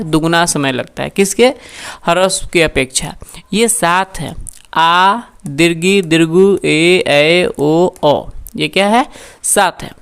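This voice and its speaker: A woman teaching a grammar lesson, who poses each question and then answers it herself, repeating key terms slowly for her pupils. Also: on the low side, smooth. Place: recorded for an online class.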